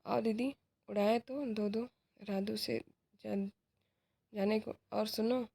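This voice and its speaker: A woman's voice: mid-range voice, steady tone, slow, vocal fry, warm tone, husky, heavily acted. A woman reading aloud the part of a cheerful, indulgent young uncle in a play. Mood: teasing.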